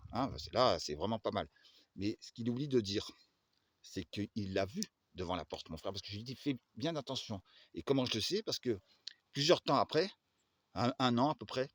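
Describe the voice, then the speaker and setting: A man's voice: fairly low pitch, no echo. A man from the Agen area telling a long personal story, hesitant and full of fillers and restarts. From Agen area, southwest France.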